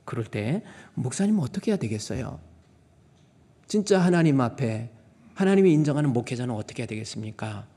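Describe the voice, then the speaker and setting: Male pastor, emphatic sermon delivery, husky mid-pitched voice, long church reverb. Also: very animated, a little fast, dark tone. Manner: emphatic, rhetorical questions, acts out quotes. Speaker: senior pastor. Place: church sanctuary.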